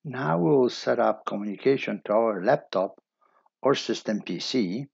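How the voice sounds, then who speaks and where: A man giving a steady step-by-step technical tutorial as a voice-over. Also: mid-range voice, normal speed, creaky, husky, dry recording, muffled recording. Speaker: instructor.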